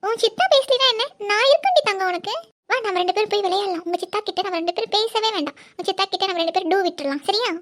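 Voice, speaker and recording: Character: a woman voicing a young village heroine. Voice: high, bright. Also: racing. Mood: coaxing. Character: young village woman, teasing then guilt-ridden. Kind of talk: cartoon voice acting.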